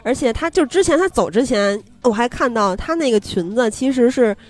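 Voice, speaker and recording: A chatty woman from China co-hosts a casual podcast talk, her voice sitting a little high. She jumps in with playful teasing and animated asides. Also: a little fast. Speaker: podcast co-host. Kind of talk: casual chat.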